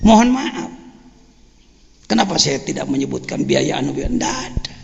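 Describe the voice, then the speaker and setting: An older man with a Sundanese accent, teaching a religious lecture in an animated, joking way. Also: mid-range voice, normal speed, gravelly, slight background noise. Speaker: Islamic teacher. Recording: dull lo-fi sound with long hall reverb.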